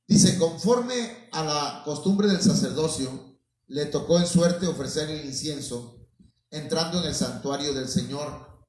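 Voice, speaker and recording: A man preaching a sermon in a slow, halting way, often stopping to address his listeners as brothers. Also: fairly high pitch. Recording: very echoey, from far off the mic.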